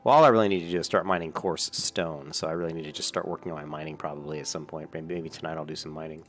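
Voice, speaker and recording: A man's voice: extremely low pitch, steady tone, rapid-fire, a bit bright, faint music behind. A man hosting his gaming channel, talking through his gameplay in a chatty, rambling way from a desk mic at home. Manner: chatty, rambling, self-correcting. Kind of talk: casual gameplay commentary. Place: home room at a large desk.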